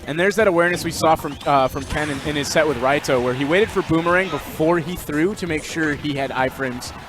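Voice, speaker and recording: A young man giving live game commentary, joking and excitable, with sudden yells. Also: fairly high pitch, a little fast, background noise. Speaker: esports commentator. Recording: game music behind.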